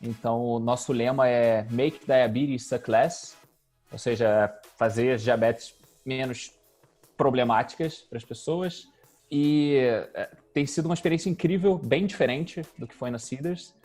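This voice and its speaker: A man's voice: mid-range voice, a little slow, soft background music. A man, a guest speaking in a casual interview and thinking aloud as he goes. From Rio de Janeiro, Brazil. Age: 30s. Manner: relaxed, thinking aloud with fillers. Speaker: guest, UX designer.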